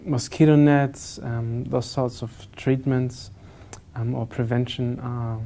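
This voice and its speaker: Gravelly, flat-voiced man speaking earnestly. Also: mid-range voice, slow. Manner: earnest, hesitant with fillers. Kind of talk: advocacy statement.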